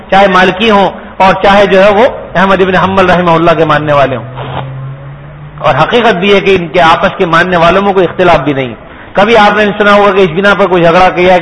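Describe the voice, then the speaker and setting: A man's voice: high-pitched, a bit bright, a little hiss or hum, poor audio. A man giving a sermon, explaining patiently and asking his listeners rhetorical questions. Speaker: Islamic preacher.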